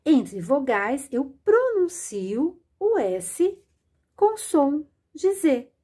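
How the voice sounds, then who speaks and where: A woman's voice: very high voice, very animated, dark tone. A woman teaching a children's literacy lesson, patient and didactic, drawing out words and sounds as she speaks straight to the learner. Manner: slow, drawn-out and sing-song, stretching words and sounds.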